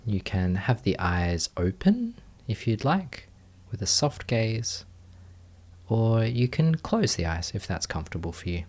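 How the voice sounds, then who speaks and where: A male meditation teacher guides a session, speaking gently in short, unhurried phrases separated by long pauses. His voice sits on the low side and swings widely in pitch.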